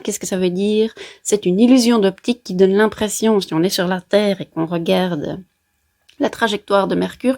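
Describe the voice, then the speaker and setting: Explaining astrology to viewers as a therapist would, a woman with a Brussels Belgian French accent speaks in a medium-pitched, slightly mellow voice. She keeps things playful and chatty, with colloquial asides and sound effects.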